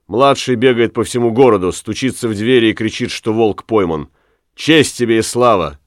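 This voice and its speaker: Earnest village father, read by a man, low and plain, storybook. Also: moderate pace, dry recording, studio quality, lightly acted.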